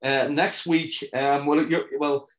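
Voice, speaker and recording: A man hosting a podcast interview, friendly and halting, full of fillers and quick agreement. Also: fairly high pitch, steady tone, roomy sound, dull audio. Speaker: podcast host. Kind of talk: casual interview.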